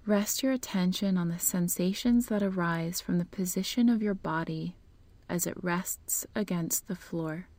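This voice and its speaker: Woman guiding a meditation, low-ish mellow voice, soft and half whispered, dry close sound. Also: dry recording. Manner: slow, soft, partly whispered delivery. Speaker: meditation guide. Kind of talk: guided meditation.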